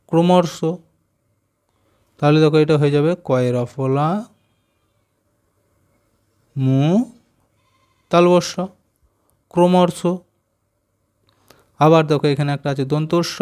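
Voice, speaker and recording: A man teaching young children, spelling out letters slowly and often checking whether they have understood. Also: fairly high pitch, fairly even intonation, a little mellow, clear, resonant tone. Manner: slow, spelling out letters and asking "got it?". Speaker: primary school teacher. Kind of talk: textbook lesson explaining Bengali conjunct letters.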